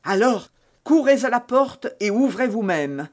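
A man's voice: very high-pitched, very animated, a little slow, voice pushed up, exaggerated voice. A man voicing a desperate, seductive noblewoman held captive, pleading theatrically in an audiobook reading. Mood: urgent.

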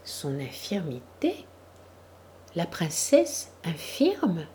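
A sorrowful, lovesick young man in an audiobook, as a woman narrator voices him. He speaks quietly, in a low, mellow tone. His words come slowly and subdued. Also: flat delivery.

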